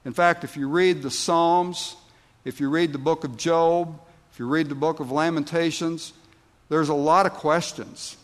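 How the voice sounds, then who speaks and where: A man preaches a sermon in a church, his voice sitting a little high for a man. He takes his time, leaning on words and pausing, then punches out emphatic lines. The sound carries a long reverb from a large hall. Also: fairly even intonation. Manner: slow, deliberate preaching with emphatic outbursts. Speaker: pastor.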